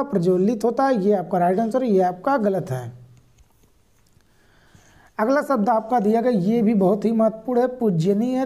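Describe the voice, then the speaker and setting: Mellow-voiced woman teaching Hindi spelling. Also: fairly high pitch. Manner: repetitive, explanatory, addresses viewers directly. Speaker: exam prep teacher. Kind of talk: spelling lesson for exam prep.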